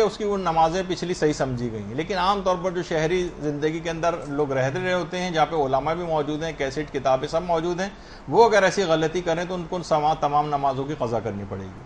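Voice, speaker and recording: High-voiced man teaching prayer rules. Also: a little hiss or hum. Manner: explanatory, asks and answers questions himself; spells out correct pronunciation slowly. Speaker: religious teacher. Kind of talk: religious lesson on prayer rulings.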